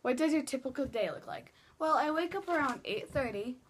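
A teenage girl's high, lively voice comes through fairly quickly over a noisy background as she answers viewer questions. She's vlogging casually from her small bedroom into a laptop webcam mic, with lots of fillers and restarts.

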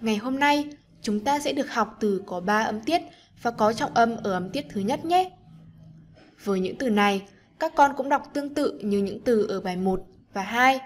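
A woman teacher narrating an online lesson for children, gentle and encouraging as she speaks to the pupils. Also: a little high, expressive, normal speed, a little hiss or hum.

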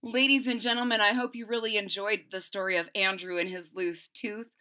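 Reading to children in a small room at home, a middle-aged storyteller is expressive and theatrical, drawing out the key words for emphasis. Her mid-range voice is steady and sharp, and she moves fairly quickly.

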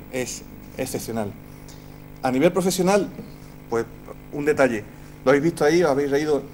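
A man's voice: on the high side, slight background noise. Chatty man telling a tribute story. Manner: chatty storyteller who acts out the quotes. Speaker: film director giving a tribute. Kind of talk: anecdotal tribute speech.

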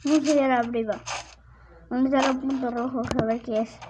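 A young girl giving casual gameplay commentary as she plays, excitable and prone to squealing with surprise. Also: high-pitched, moderate pace. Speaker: gameplay video host. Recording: lo-fi recording with clear background noise.

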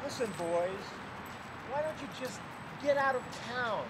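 Man acting a high-voiced, stern western marshal. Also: expressive, measured pace. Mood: firm. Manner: firm, exasperated, declaiming. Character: stern, put-upon western town marshal. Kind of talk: live comic Wild West stunt show acting. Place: outdoors in a park. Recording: outdoor park show with noisy crowd.

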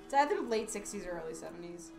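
A woman's voice: on the low side, lively intonation, fast talker, roomy sound, over music. A woman giving casual, joking, profane commentary while playing a video game. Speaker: let's play commentator.

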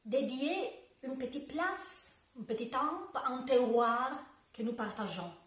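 A woman in her forties with an Italian accent, speaking French as a second language in a slow, searching way that often restarts. Her voice sits a little high, and she talks unhurriedly. It is recorded from a camera a few metres off in an echoey room at home. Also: fairly bright tone, distant mic. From Italy. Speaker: dance teacher. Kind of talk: direct-to-camera video talk. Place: home room with bookshelves, indoors. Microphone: camera a few metres away.

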